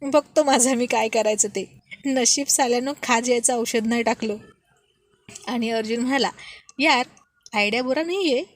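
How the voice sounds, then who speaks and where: A woman narrating a romantic story and voicing its dialogue with lively emphasis. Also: on the high side, moderate pace, pauses often. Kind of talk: scripted story narration with character voices.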